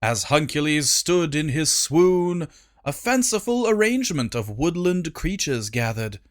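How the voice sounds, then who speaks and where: A man narrating a comic storybook in an expressive, playful way. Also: a little high, a little slow. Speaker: audiobook narrator.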